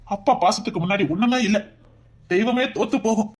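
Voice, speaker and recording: A devoted father in a TV serial scene, played by an actor, pouring out fervent, tearful promises. His voice is fairly high for a man, and he talks fast. Soft music plays behind him. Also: close to an everyday voice. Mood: proud. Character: devoted middle-aged father, joyfully weeping. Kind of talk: emotional TV serial acting.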